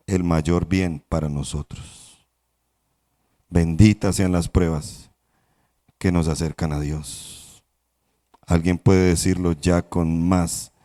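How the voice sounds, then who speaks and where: A male pastor delivering a sermon, telling a parable in a slow, measured, dramatic way. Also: low-pitched, a little mellow. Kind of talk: sermon storytelling. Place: church.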